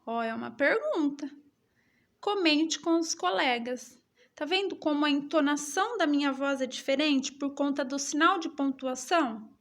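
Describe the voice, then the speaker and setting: A woman teacher with a Brazilian Portuguese accent, reading a schoolbook lesson aloud to children with slow, exaggerated intonation. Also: sits high, a bit bright.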